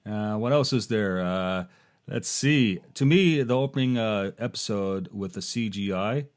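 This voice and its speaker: A man's voice: lowish voice, a little slow. A man hosting a podcast in casual chat, stuttering and restarting his sentences often. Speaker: podcast host.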